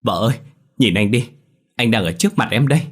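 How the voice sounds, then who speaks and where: A man voicing a young husband who has just died, shouting in panic in an audio ghost story. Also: fairly low pitch, expressive, a little fast, breathy edge. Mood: frantic, pleading.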